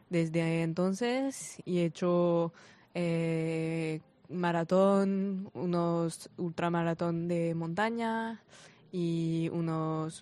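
A woman in her twenties from France with a French accent, answering interview questions haltingly in a language that is not her native one. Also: fairly low pitch, dark tone. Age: 20s. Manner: halting, searching for words in non-native Spanish. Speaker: interview guest, sports volunteer.

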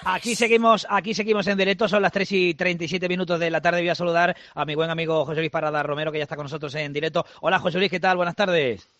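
A man hosting a live sports radio show, chatting and running through fixtures in a brisk, conversational way. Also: a little high, fairly even intonation, a bit bright, dry recording, highs cut off.

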